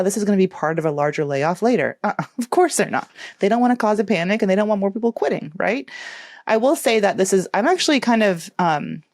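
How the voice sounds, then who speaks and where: A woman's voice: on the low side, darkish tone, no echo, studio quality. A woman podcast host giving casual career advice in a chatty, encouraging way with playful asides.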